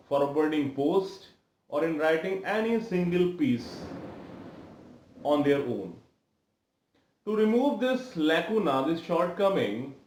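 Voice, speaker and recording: A man with an Indian English accent teaching English grammar in a slow, deliberate lecture style, repeating key words and slipping into Hindi asides. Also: on the high side, a little mellow, roomy sound, low-quality recording. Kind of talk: video lesson lecture.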